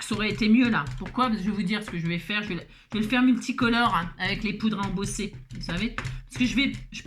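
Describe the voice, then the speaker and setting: A woman's voice: mid-range voice, fairly bright tone, slight background noise. A woman chatting playfully through a card-making tutorial, joking at herself with teasing asides. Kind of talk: crafting tutorial chat.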